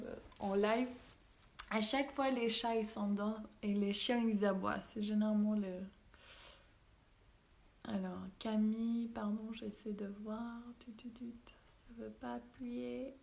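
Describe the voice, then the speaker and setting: A woman with a Québécois accent, a spiritual healer hosting a live stream in soft, gently enthusiastic casual chat. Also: medium pitch, fairly even intonation. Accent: Québécois French. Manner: soft, unhurried, gently enthusiastic with frequent laughs.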